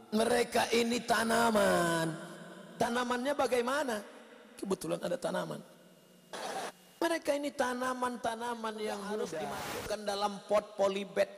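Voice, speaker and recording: A man preaching a sermon, telling stories with lively delivery and acting out the people in them. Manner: animated storytelling, acts out quoted parents with shouts and high voices. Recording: long hall reverb, faint noise.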